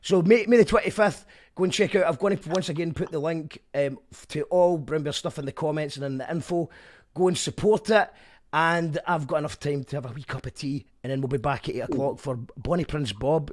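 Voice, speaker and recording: Music plays behind a man with a Scottish accent as he hosts an online live show. His pitch is fairly high and his pace a little fast, and his casual, loose chatter often starts over mid-sentence.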